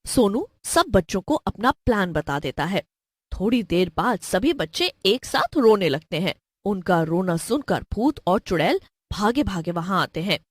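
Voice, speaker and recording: A woman narrating a cartoon story in an expressive, lively storybook style. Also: mid-range voice, a little slow, dry recording, studio quality.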